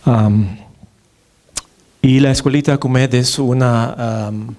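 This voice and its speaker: A Peruvian neurologist in his thirties gives a conference lecture from a podium in a big dark hall, recorded by a podium microphone and a far camera. He has a Peruvian Spanish accent and a mellow, mid-range male voice, and he speaks slowly with fairly even intonation. His style is conversational, full of fillers and "right?" tag questions.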